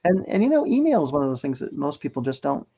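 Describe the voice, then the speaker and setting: An American man co-hosts a casual livestream, chatting in an easygoing, agreeable way. His voice is a little high, sing-song and fast, warm yet slightly rough. The stream audio is lo-fi and slightly dull.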